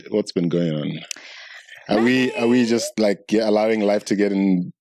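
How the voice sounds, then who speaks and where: A man co-hosting a casual podcast, laid-back and quick to laugh, talking in loose, rambling restarts into a studio mic. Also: lowish voice, darkish tone, slight background noise. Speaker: podcast co-host. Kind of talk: casual chat.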